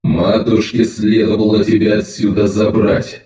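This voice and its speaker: A man voicing a cold, vengeful male sorcerer whose voice booms with a grating, clanging metallic echo. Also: little pitch movement, a little slow, dark tone. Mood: menacing. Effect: booming, echoing metallic voice. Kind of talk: audiobook character reading.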